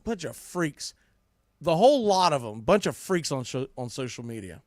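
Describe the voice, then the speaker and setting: Speaking at normal speed in a slightly high, sing-song voice, a sports commentator hosts his podcast with a blunt, opinionated recap. He swears mildly, rants, and repeats phrases for punch, and the recording sounds dry.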